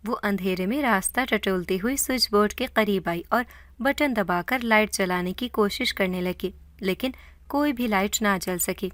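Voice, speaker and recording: A woman narrating a scripted horror story in a dramatic, steady way. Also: mid-range voice, dry recording.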